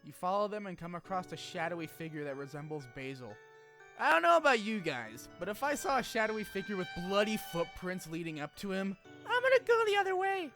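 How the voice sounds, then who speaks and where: Hosting a gaming video essay, a man with a slightly high voice narrates a scripted game story recap at a slightly fast clip. He breaks in with informal, animated asides and the occasional swear, while music runs underneath.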